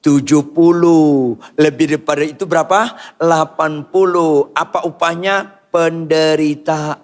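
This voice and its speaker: An older man preaching a sermon in church, firing rhetorical questions at the congregation and swinging from quiet asides to loud outbursts. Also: fairly high pitch, fairly even intonation, measured pace. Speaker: pastor.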